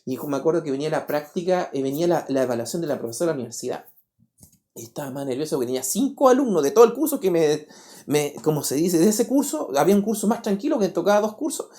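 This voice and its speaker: A man, preaching a sermon as pastor. He talks in an animated way and keeps asking the congregation rhetorical questions. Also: fairly high pitch, quick pace. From Paraguay. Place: church.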